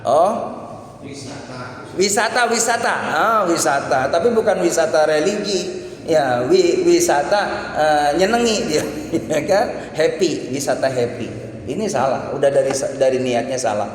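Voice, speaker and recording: A male preacher delivers a sermon in a high, bright-set voice. He moves between emphatic, raised exhortations and quiet murmured prayers. The sound rings in a large hall with long, booming reverb and faint background noise. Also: normal speed. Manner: colloquial and animated, swinging between high emphatic calls and low murmured prayers. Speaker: Islamic preacher.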